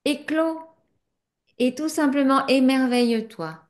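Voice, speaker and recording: A high-voiced woman leads a satsang as a spiritual teacher, responding to a student in French, which isn't her native tongue. She pauses often, thinking things over and using fillers.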